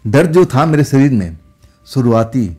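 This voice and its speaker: A man telling a first-person ghost story in a dramatic, suspenseful way, often dropping to hushed tones. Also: mid-range voice, lively intonation, a little slow, husky. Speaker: horror storyteller.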